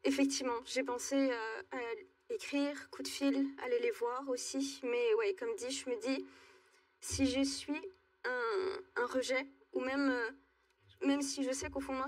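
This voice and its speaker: A woman in her twenties from Alsace, speaking hesitantly with many pauses and fillers as a talk show guest. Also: fairly high pitch, far from the mic. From Alsace, France. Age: 20s. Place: TV studio.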